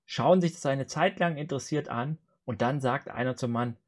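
On a video call from an indoor room, a man hosts a joke challenge, reading short jokes aloud and acting out their dialogue. His voice sits at a medium pitch and moves at a normal speed.

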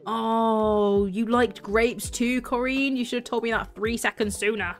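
A woman's voice: on the high side, steady tone, measured pace, faint music behind. A young woman chatting and joking while she streams a farming game. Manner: chatty, giggly, self-mocking. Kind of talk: casual gameplay commentary.

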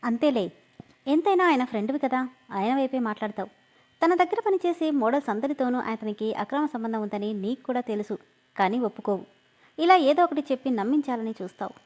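A woman's voice: fairly high pitch, brisk, mellow, close to an everyday voice. A woman doing a whiny, pleading young man. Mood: indignant. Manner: pleading, indignant.

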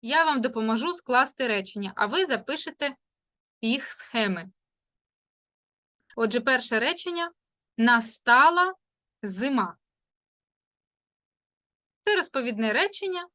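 A woman teaching young children, taking her time and drawing out each sound. Her voice is bright and a little high. She slips into a sing-song lilt for short rhymes. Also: lively intonation. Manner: sing-song rhyming greetings, drawn-out sounds and syllables. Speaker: primary school teacher. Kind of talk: slow, careful literacy lesson for young children.

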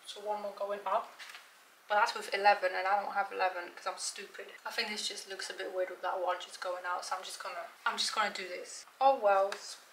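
A woman's voice: mid-range voice, little pitch movement, fairly quick, fairly bright tone, a little hiss or hum, poor audio. A woman chatting casually in her bedroom as she films a vlog, swearing freely and mocking herself. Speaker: vlogger.

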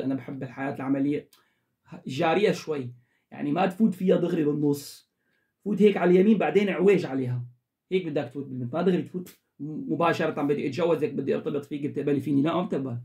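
A man's voice: on the high side, a little mellow. A man giving emphatic, lecturing advice straight to the camera as the host of an advice channel. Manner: emphatic, lecturing, repetitive instructions. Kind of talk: direct-to-camera advice monologue.

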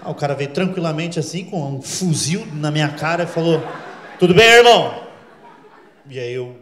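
Man, 30s, stand-up comedian, high voice, animated storytelling, echoey live room. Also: brisk. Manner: animated, acts out quoted voices, crude slang. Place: comedy club stage. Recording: echoey live club with laughter.

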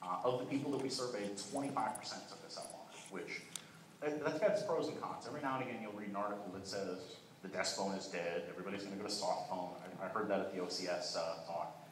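Young man, keynote talk, low voice, quick pace, far from the mic in a big echoey hall. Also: slight background noise. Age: young adult. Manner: fast, fluent talk with frequent "uh" restarts. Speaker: keynote speaker. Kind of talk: conference keynote presentation. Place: large conference hall.

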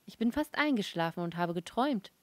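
A woman's voice: mid-range voice, expressive, a little fast, no room sound, lightly acted. A woman voicing a dreamy young Martian wife who eagerly describes a strange dream.

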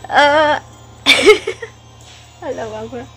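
A woman chats through a vlog story at an unhurried, drawn-out pace, in a fairly high voice. She keeps breaking into giggles and teasing herself, with soft music playing faintly behind her. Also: expressive. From Java. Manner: giggly, self-mocking, laughs often between phrases. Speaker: vlogger.

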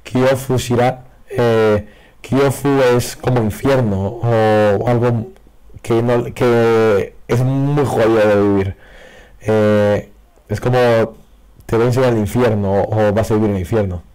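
A card game video creator rips open packs with casual commentary, his low, slow voice hoarse and fading. He gets excitable and reacts loudly to his pulls, all captured through a faulty, broken microphone.

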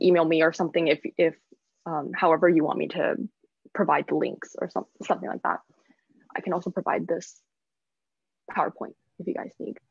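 A woman's voice: fairly low pitch, creaky, a little mellow, slightly rough, no room sound. Young woman doing a casual workshop on a call, crackly voice, dull sound. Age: 20s. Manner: informal, chatty. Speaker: design workshop presenter. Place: indoors on a video call. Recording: muffled, dull video-call audio.

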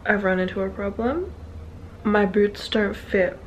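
An Australian woman talks to camera in a relaxed vlog, rambling through her day with quick self-mocking jokes. Her voice sits at an everyday middle pitch and comes across as easygoing and conversational. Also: slight background noise. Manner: chatty, self-mocking, jokey asides. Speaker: touring singer. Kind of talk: casual vlog chat to camera.

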